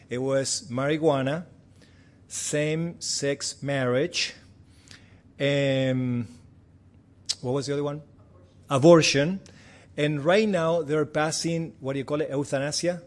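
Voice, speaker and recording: In a mid-range voice, a man in his forties from Argentina offers a church a friendly, talkative missions report with some light self-deprecating humor. He's a native Spanish speaker with an Argentine Spanish accent.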